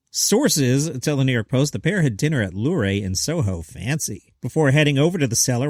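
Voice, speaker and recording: Dry-sounding, higher-pitched man reading comedy news. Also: no room sound. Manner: wry, chatty, with rhetorical questions and muttered asides. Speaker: host of a daily comedy news show. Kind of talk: scripted comedy news commentary, reading quotes aloud.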